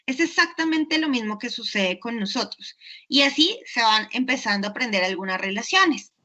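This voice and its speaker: A woman teaches an online university class in a bright, sharp voice. She explains step by step and keeps checking in with her students. The audio sounds muffled and lo-fi. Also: on the high side, expressive, normal speed. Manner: frequent checking tags, patient explaining. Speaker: university lecturer.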